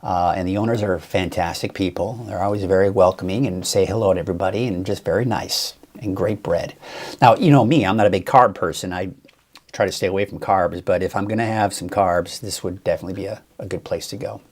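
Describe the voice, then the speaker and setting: A man's voice: low voice, fairly quick, a little mellow, slightly rough. A man hosting a casual live weather show, chatting in a rambling way and thinking aloud with fillers. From Northern California. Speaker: weather host. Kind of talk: casual live-stream forecast chat.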